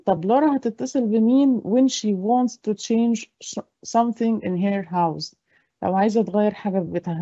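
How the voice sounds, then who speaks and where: An encouraging primary school teacher with an Egyptian accent, who explains each point in Arabic and then stretches out the English words one slow beat at a time. Her tone is mellow and relaxed, and the recording is dry and slightly dull. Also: medium pitch, no room sound. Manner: praising, encouraging. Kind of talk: classroom lesson to pupils.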